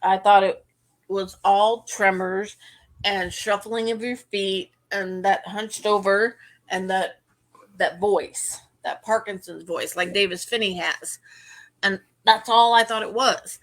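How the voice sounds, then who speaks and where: A middle-aged woman co-hosting a podcast talks slowly in a steady, medium-pitched voice. In the casual chat she gives earnest, run-on explanations.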